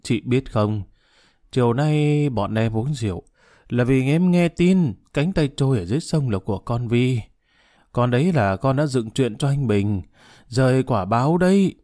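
A man voicing a drunk, emotional young man who slurs and shouts. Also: medium pitch, expressive, moderate pace, dry recording, clean studio sound, natural voice. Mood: drunk rambling. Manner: slurred, shouting, tearful.

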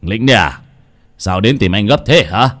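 A man voicing a coarse, paunchy older village brother who talks gruffly and crudely. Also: fairly low pitch, expressive, moderate pace, a bit bright, voice pushed down. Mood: gruff mocking.

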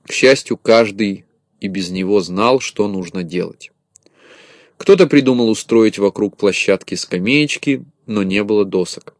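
A man reading a children's tale aloud as narrator, lively and expressive. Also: lowish voice, unhurried, dry recording, studio quality.

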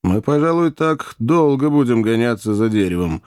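A man's voice: medium pitch, animated, normal speed, a little mellow, no echo, studio quality, natural voice. A man voicing a skeptical male hunter who speaks in a doubtful, grumbling way.

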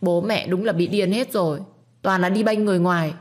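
A woman voicing a spoiled, bratty seventeen-year-old girl who scolds and whines in a sharp tone. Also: lowish voice, fairly quick, voice pushed up, close to an everyday voice. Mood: whiny.

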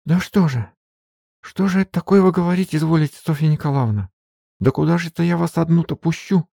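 A man with a husky, gravelly voice puts on a high pitch to play a tearful, middle-aged peasant maid who wails in folksy, rustic speech. The storybook reading is dry, loud and close, delivered fast with no echo.

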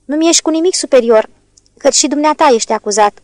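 A woman's voice: high voice, a little mellow, no echo, lightly acted. A woman voicing a timid, cringing middle-aged merchant who pleads and defends himself in a storybook reading. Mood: indignant.

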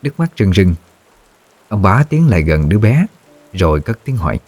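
A man reads a ghost story aloud in a measured, somber voice. His voice is very low and deep, and he keeps a steady storytelling pace. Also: husky. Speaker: narrator. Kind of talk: scripted horror story narration.

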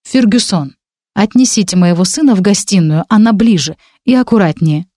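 A haughty, cold-tempered duchess from an audiobook, played by a woman reader. She speaks in an imperious, icy, sharp manner, giving orders with aristocratic disdain. The sound is dry and close. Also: medium pitch, expressive, normal speed, no echo, lightly acted.

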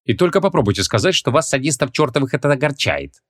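A feisty young woman, played by a male reader speaks in a raised, lively voice with a tart, impatient edge. She sounds sharp and exasperated, a modern girl in a comic fantasy audiobook. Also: mid-range voice, fast talker, dry recording, studio quality, voice pushed up.

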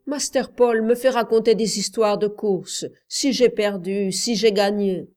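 A man's voice: sits high, steady tone, a little slow, darkish tone, soft background music. A woman reading a storybook, voicing a respectful, chatty male racing groom in a slightly raised voice. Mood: eager.

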